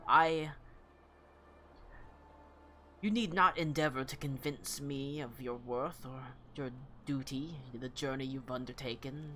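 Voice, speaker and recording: A dignified old woman who rules her house speaks softly and formally, as a man puts her on at a gaming table. Her words are measured and grave. Her voice sits in an ordinary middle pitch. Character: dignified older woman matriarch, grave and commanding. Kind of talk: tabletop role-play voicing.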